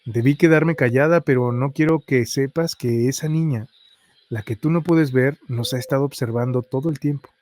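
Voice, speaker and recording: A man's voice: mid-range voice, normal speed, a little mellow, natural voice. A man reading the lines of a caring woman police officer who sees spirits, earnest and concerned.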